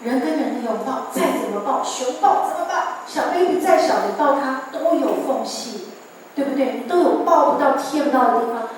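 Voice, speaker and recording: A woman with a Taiwanese Mandarin accent tells her testimony with lively storytelling and keeps asking the congregation questions. Her fairly high voice rings through a big church hall. The mic is some distance away, so it sounds roomy and faintly noisy. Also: moderate pace. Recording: echoey church hall from far off.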